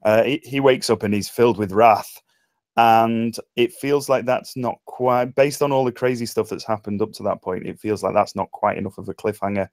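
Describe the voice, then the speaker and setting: An English man from England gives informal spoken feedback on a script after a table read, speaking in hesitant phrases with dry humour. His voice is fairly low and his pace normal. The remote online voice call carries no room sound.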